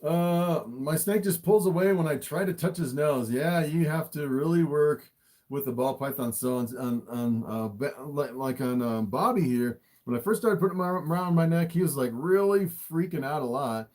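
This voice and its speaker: Higher-pitched man chatting casually on livestream. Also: animated, normal speed, darkish tone. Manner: easily amazed, often chuckling between remarks. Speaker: snake keeper hosting a livestream. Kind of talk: casual livestream chat, showing animals to viewers.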